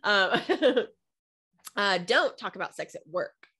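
A woman's voice: mid-range voice, lively intonation, takes it slowly, bright, forceful tone, breathy edge. A woman co-hosting a podcast in casual chat, talking frankly and laughing often, with plenty of "you know" and "like" fillers. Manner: frank, giggly, heavy use of "you know" and "like". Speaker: podcast co-host.

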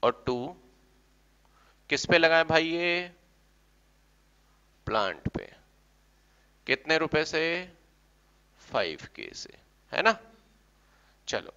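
A male commerce teacher giving a classroom lecture, coaxing and teasing his students with quick questions. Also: fairly high pitch, bright, forceful tone. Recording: dull lo-fi recording.

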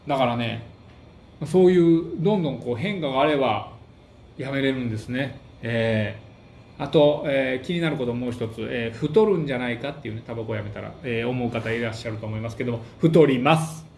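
A man's voice: mid-range voice, brisk, creaky. A man with a Kansai accent, a comedian hosting a casual monologue, telling stories and acting out what people said. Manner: animated storytelling that acts out quotes. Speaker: comedian and book-review host. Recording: echoey room with faint hiss.

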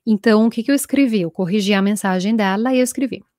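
A woman's voice: mid-range voice, quick pace, a little mellow, dry recording, studio quality. A woman from Italy, a native Italian speaker, teaching a chatty live lesson and acting out quoted dialogue.

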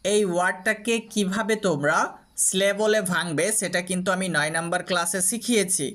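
This is a teacher recording a reading lesson for students, speaking in an even, mid-pitched voice. They guide the class step by step with plain instructions and sound out long words in small, clear pieces. Each word is then repeated in full so listeners can copy it. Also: a little fast. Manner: patient, breaks words into syllables and repeats them; addresses students directly with instructions. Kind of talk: online video lesson.

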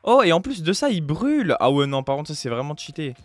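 A man's voice: on the high side, big pitch swings, fairly quick. A young man giving casual, upbeat gameplay commentary, chatty and full of fillers, as a gaming youtuber at home on a close desk mic.

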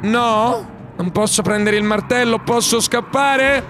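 A man with an Italian accent doing let's play commentary on a horror game, jokey and excitable, reading the game's dialogue aloud and shouting when he's scared. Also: very high-pitched, slow, a little hiss or hum. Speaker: gaming YouTuber.

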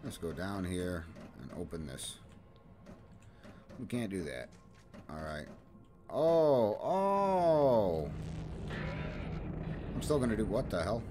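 Low-ish guy doing crude jokey let's play commentary, loud game music behind. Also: lively intonation, normal speed, long pauses. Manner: crude, joking, rambling play-by-play. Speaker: gaming video host. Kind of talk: casual gameplay commentary. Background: game music and sound effects.

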